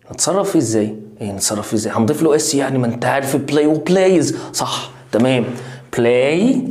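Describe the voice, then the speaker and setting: A man with an Egyptian Arabic accent teaching English to young pupils in a lively, playful way, repeating drill words slowly. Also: a little high. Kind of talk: online lesson for young pupils. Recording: roomy echo.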